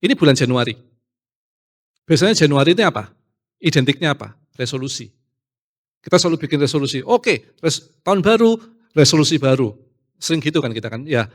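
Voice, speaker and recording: A man preaching a casual youth sermon, animated, acting out quoted voices and slipping in English phrases. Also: fairly high pitch, a little fast, pauses often.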